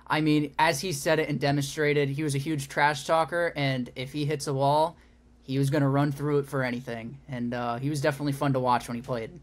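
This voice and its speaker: A young man co-hosting a casual sports podcast, getting excited as he talks. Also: medium pitch, a little fast. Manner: excitable, builds up energy in stories. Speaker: podcast co-host.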